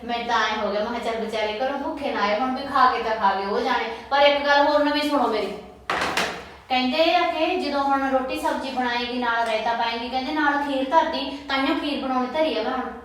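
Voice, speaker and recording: Woman playing a fast-talking young village wife. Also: high-pitched, fairly bright tone. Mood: venting. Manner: fast, placating chatter. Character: young village wife, flustered and eager to please. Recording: echoey room, distant mic.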